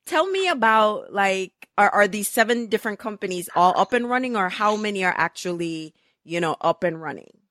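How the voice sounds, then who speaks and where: A woman's voice: mid-range voice, expressive, moderate pace, a bit bright, dry recording. A woman with a mid-range voice hosts a podcast with enthusiastic, upbeat energy. Her audio is dry and close, with no room sound. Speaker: podcast host. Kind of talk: podcast interview hosting.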